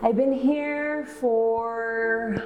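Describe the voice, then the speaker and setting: A woman's voice: fairly high pitch, fairly even intonation, very slow, dull audio, slight background noise. A woman from Mexico earnestly telling her family's story in an interview. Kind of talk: personal storytelling.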